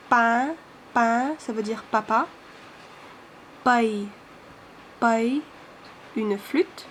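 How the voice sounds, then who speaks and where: A woman teaching a language lesson, explaining slowly and carefully with many hesitations and sounding out syllables one by one. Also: fairly high pitch, a little hiss or hum.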